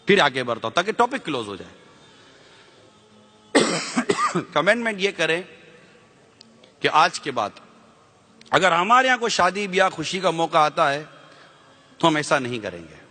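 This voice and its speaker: A man's voice: fairly high pitch, sing-song, pauses often, pushed and bright, in a large hall. A man preaching with passion to an audience, firing rhetorical questions at them and slipping English words into his speech. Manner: fiery rhetorical questions to the listeners. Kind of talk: impassioned sermon.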